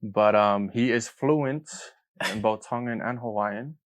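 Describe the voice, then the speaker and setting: A young man with a voice on the low side of average hosts a casual podcast. He talks in an upbeat, joking manner with easy slang. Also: unhurried. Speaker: podcast co-host.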